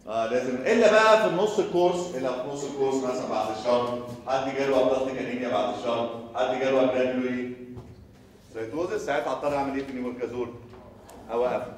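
A man's voice: medium pitch, distant mic, slight background noise. Male surgery lecturer, Egyptian accent, repeats points and quizzes the class, very echoey hall. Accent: Egyptian Arabic. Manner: rapid, repetitive, quizzes students with rhetorical questions. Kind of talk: recorded lecture.

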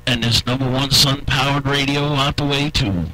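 A man's voice: medium pitch, steady tone, unhurried, sharp tone, rough recording. A man bantering on CB radio, teasing and scolding another operator. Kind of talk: CB radio chatter.

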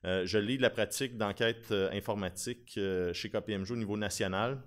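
A man's voice: lowish voice, steady tone, fairly quick. A man in his thirties with a Québécois French accent, giving an informal, talkative conference presentation at a podium microphone. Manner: informal, talkative, with self-deprecating humour. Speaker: conference speaker, lawyer specializing in digital forensics. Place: conference room at a lectern. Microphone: podium gooseneck microphone.

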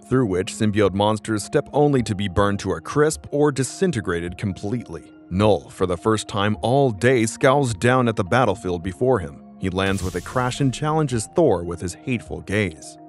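A man narrates a comic-book saga in a fairly low voice. His delivery is scripted, dramatic and emphatic, with music playing faintly underneath. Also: animated, normal speed, few pauses.

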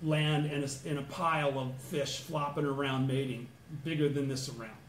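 A middle-aged man from Southern California tells a personal story to a small study group. He acts out his own past words, sometimes shouting or chanting. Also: medium pitch, steady tone, normal speed. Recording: echoey room with faint background noise.

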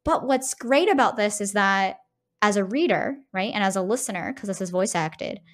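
On a podcast about games, a female co-host with a mid-range, expressive voice talks at a normal speed. She makes her points casually but emphatically and often checks in with quick tag questions.

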